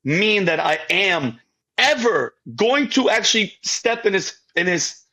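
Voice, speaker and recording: A man's voice: high voice, very animated, measured pace, pushed and bright, poor audio. A man giving an emotional faith testimony as a podcast guest, rambling and repeating himself, often calling the host by name.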